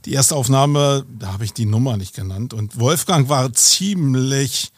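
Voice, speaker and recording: A man's voice: medium pitch, lively intonation, unhurried, no room sound. A man hosting a podcast in casual chat, joking and playful, with frequent fillers. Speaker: podcast host.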